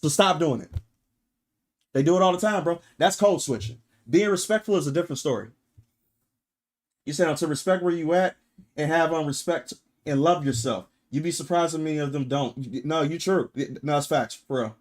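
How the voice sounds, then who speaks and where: Casting note: male streamer, slightly higher voice, blunt and profane, hammers points with "right?". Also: brisk. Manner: blunt, emphatic, profane, rhetorical "right?" tags. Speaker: streamer reacting and reading chat. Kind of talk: casual livestream rant.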